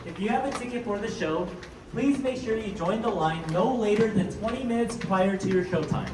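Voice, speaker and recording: A man making a formal, measured public address announcement over the intercom in a large public building. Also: high voice. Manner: formal, measured, polite instructions. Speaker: venue announcer. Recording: echoey distant loudspeaker with noise.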